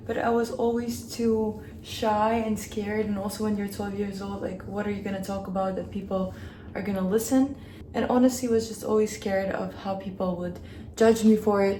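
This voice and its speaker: Mellow-voiced woman chatting in an echoey room. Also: mid-range voice, a little hiss or hum. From Kazakhstan. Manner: chatty and open, talking while she works. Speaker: beauty vlogger. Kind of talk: casual chat during a hair tutorial. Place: home room, in Hong Kong. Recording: echoey room with faint ambience.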